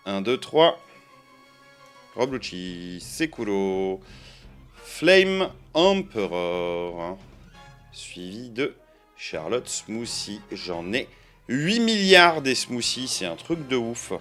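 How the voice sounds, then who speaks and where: A man talks his viewers through a pack opening in a casual, joking way, counting out each card as he goes. His pitch sits in an ordinary middle register. Faint music plays underneath his voice. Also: sing-song, slow, a bit bright. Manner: chatty and playful, counting out cards and joking to viewers. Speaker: card-opening video creator. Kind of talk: casual commentary while opening card boosters.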